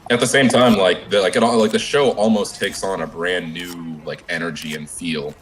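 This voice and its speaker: Man, very deep voice, casual chat, reflective, jokey. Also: fairly even intonation, moderate pace, rough recording. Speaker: podcast co-host.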